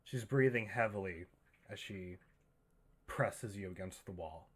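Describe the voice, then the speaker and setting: A man narrating a tabletop horror game as game master, in a measured, suspenseful way. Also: fairly low pitch, fairly bright tone, slightly rough.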